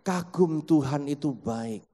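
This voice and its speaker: Guy preaching a sermon at church into a mic, kinda high voice, long echo off the hall. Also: measured pace, noisy background. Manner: addresses the congregation directly and acts out everyday quotes. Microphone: handheld microphone.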